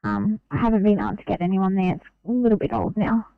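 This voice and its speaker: A woman's voice: mid-range voice, very animated, fast, dry recording. A woman working as an emergency dispatcher over a two-way radio, handing out jobs with polite, businesslike requests. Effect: heard over a two-way radio. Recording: tinny phone-like radio transmission.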